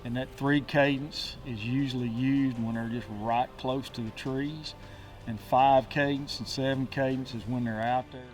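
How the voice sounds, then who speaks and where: A man's voice: mid-range voice, fairly even intonation, a little slow, recorded from a distance, music in the background. A man with a plain-spoken, folksy manner, giving instructional talk as a duck calling teacher, recorded outdoors. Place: outdoors, woods by water.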